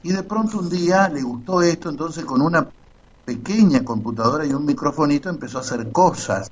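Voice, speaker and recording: A man's voice: on the high side, expressive, fairly quick, breathy edge. A man with an Argentine accent telling a story in casual radio commentary, acting out the quotes as he goes. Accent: Argentine Spanish. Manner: storytelling, quoting others animatedly. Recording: muffled lo-fi sound.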